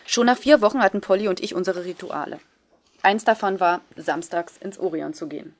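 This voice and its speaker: A woman reading a first-person novel aloud in a measured, subdued way. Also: lowish voice. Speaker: audiobook reader. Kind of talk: scripted first-person narration.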